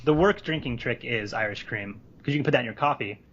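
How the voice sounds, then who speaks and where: A man's voice: mid-range voice, lo-fi sound, a crowd in the background. A man hosting a podcast, joking around in casual chat from a room at home. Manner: joking, rapid-fire. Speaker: podcast host. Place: home room next to a laundry room.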